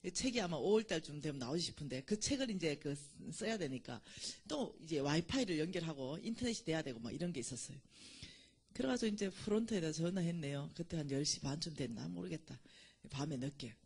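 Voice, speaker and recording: Deep, slightly rough, and a little mellow, her voice moves briskly with lively intonation. The South Korean woman from Gyeongsang gives a storytelling-style church lecture packed with jokes she laughs at herself.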